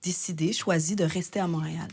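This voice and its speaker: A woman's voice: on the low side, fairly even intonation, a little fast, darkish tone, slightly rough. A woman hosting an interview, asking short, friendly questions. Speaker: interview host.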